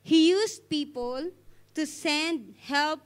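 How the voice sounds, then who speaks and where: A young Filipino woman with a high voice speaks slowly into a handheld microphone on an indoor church stage. Leading the offering, she gives the congregation an earnest devotional talk and prayer.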